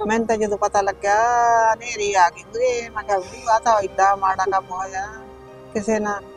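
Actress as an older village aunt, consoling, faint music behind. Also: female voice, mid-range voice, level tone, moderate pace, close to an everyday voice, low-quality recording. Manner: sympathetic, asks questions, calls others son.

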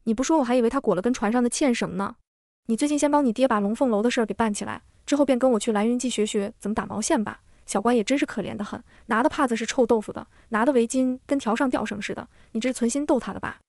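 A woman voicing a sharp-tongued, teasing middle-aged mother and doctor in an audio comic. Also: on the high side, quick pace, dry recording, clean studio sound, lightly acted. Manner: teasing, inquisitive.

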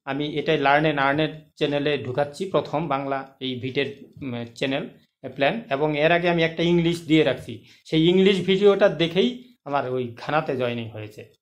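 A man giving a casual explanatory video talk on an online income plan. He is persuasive, calls the listener friend and keeps checking that they follow. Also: on the high side.

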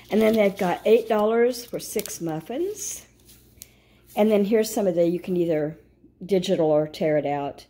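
A woman's voice: fairly low pitch, darkish tone, breathy edge. A middle-aged woman at home, chatting casually and thinking aloud with frequent asides. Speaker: vlogger. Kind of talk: casual chat reviewing a grocery flyer.

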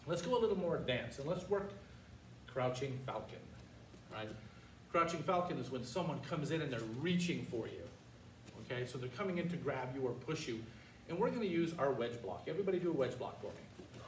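A man's voice: on the high side, expressive, a little fast. An older man teaching a karate class, calling out short, commanding cues for students to repeat. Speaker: martial arts instructor. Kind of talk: karate lesson with call-and-response drills. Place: large martial arts studio, indoors. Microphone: far camera. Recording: roomy, distant mic with faint noise.

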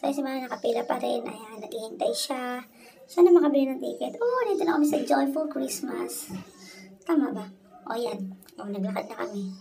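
A woman's voice: high-pitched, animated, normal speed, over music, low-quality recording. A woman with a Filipino accent narrating a casual vlog outdoors in a park at night on a phone camera, teasing and playfully self-pitying. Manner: teasing, playfully self-pitying, shouts and sing-song at times. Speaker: vlogger. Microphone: handheld phone camera.

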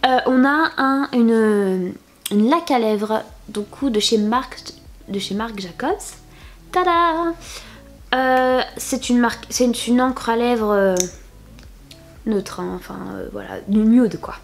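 A woman's voice: fairly high pitch, measured pace. A young woman talking casually to the camera as a beauty vlogger, chatty, with many fillers and restarts and playful little reveals. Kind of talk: casual haul video chat.

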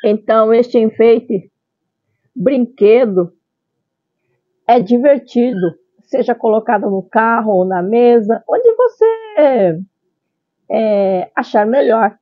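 A woman's voice: medium pitch, dry recording, phone-quality sound. A middle-aged woman with a Brazilian accent hosting a vlog product showcase in a cutesy, exclamatory manner, sprinkling in Japanese phrases. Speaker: channel host. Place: small tiled room at home.

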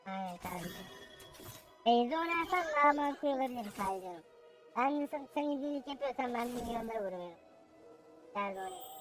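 A gamer with a pitched-up helium voice effect, giving casual, cocky, crude gameplay commentary with slang and swearing. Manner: cocky, crude, mock-tutorial. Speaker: gaming video creator commentating own gameplay.

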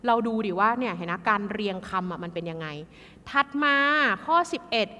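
A woman tutoring an exam class in a lively, chatty way, addressing students like kids. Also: medium pitch, a little fast, long reverb tail.

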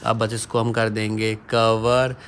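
Taking it slowly, a man with a lowish, level, slightly bright voice chats playfully as he films a home cooking vlog on his phone. The vlogger teases as he goes, and a little hiss or hum can be heard.

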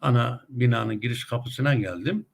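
Gravelly, husky man telling stories. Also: mid-range voice, normal speed. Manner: talkative, many hesitation sounds, rising emphatic outbursts. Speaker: commentator on a web TV channel. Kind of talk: casual spoken commentary with anecdotes.

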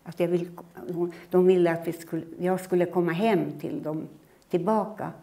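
A woman in her eighties, originally from Finland, giving a lecture in which she recounts her own life in a measured, reflective way. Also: lowish voice, steady tone, vocal fry, warm tone. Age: 80s. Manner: measured, reflective storytelling that acts out her own remembered words. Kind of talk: personal storytelling lecture.

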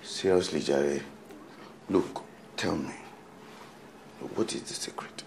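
A gravelly-voiced flattering man. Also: a bass voice, slow, a little hiss or hum, full character voice. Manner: teasing, flattering. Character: flattering, talkative male family friend. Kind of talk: film acting.

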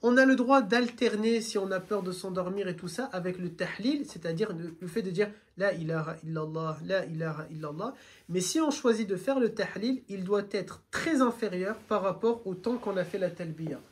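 Guy guiding a group on a train, lively teacher vibe, keeps asking questions. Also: high voice, moderate pace, few pauses. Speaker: religious guide. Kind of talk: explaining to a travelling group. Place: train carriage.

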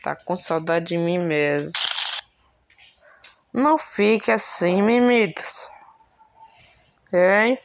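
A woman's voice: on the low side, slow pace, pauses often. A woman casually commenting while playing a virtual pet game, cooing and baby-talking to her pet. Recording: steady background noise.

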